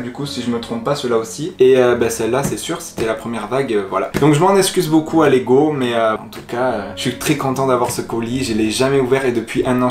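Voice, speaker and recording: A man vlogging as he unboxes a parcel, excitable and rambling, with plenty of fillers and quick laughs. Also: mid-range voice. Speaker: YouTuber. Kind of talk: casual unboxing vlog. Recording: echoey room with music playing.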